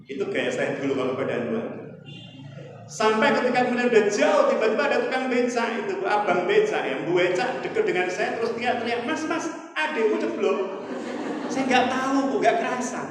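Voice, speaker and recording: A middle-aged man with a Javanese accent, preaching a sermon in a lively storytelling way, with some humor. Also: sits high, brisk, a little hiss or hum. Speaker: Islamic preacher. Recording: echoey hall, voice from far off.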